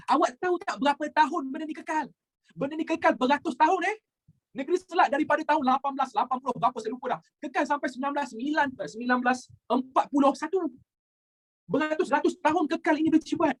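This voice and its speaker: In a high voice and a Malaysian accent, a woman teaches a history lesson built around exam practice questions. She quizzes her students in a lively way and mixes English words into her speech.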